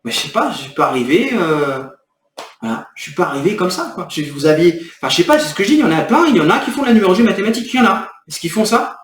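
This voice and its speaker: Racing along in a sing-song, high voice, a man vents at the camera and rambles irritably about his next video. His agitated vlog was recorded from a distance in an echoey room, with a little hiss or hum.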